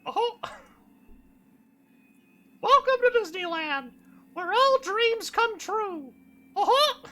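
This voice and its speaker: A woman voicing a sinister, falsely cheery male cartoon mouse in a squeaky falsetto. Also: expressive, extremely slow, bright, forceful tone, heavily acted.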